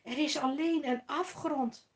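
Father Abraham, an old patriarch, answers with firm and patient admonishment, voiced by a woman storyteller. Each sentence comes slow and measured. The voice stays fairly high for the figure.

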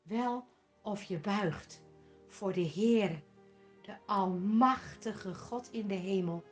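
A woman's voice: medium pitch, takes it slowly, faint music behind. A woman telling a Bible story to children, emphatic, asking questions and answering them herself.

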